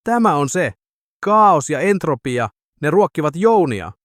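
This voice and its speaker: A man voicing a frantic, excitable male scientist in an audiobook. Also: no echo, studio quality. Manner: shrill, frantic.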